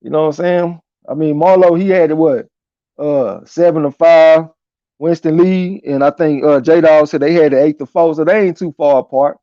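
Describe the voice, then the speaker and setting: A man with a slightly high, mellow voice hosts a live boxing chat. He talks casually, with slang and swearing, reading out comments and reacting. The audio is dry and somewhat dull and lo-fi. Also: fairly even intonation, normal speed, dry recording. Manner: slangy, profane, conversational.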